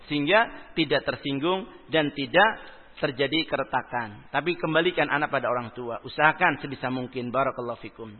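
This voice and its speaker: A male preacher reading out audience questions and answering them in a religious Q&A lecture, often rising sharply in pitch for emphasis. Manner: reads questions aloud then answers with lively rising emphasis. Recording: phone-like sound with long hall reverb.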